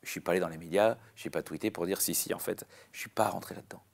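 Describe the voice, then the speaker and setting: A man, a comedian chatting in an interview, rambling and animated with many restarts. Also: sits low, quick pace, gravelly. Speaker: comedian guest. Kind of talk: casual interview chat.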